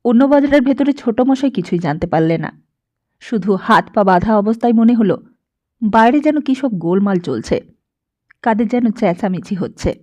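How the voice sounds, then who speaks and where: A woman's voice: a little high, animated, normal speed, dark tone, dull audio. A woman narrating a novel as an audiobook reader, reading steadily and expressively. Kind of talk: storybook narration.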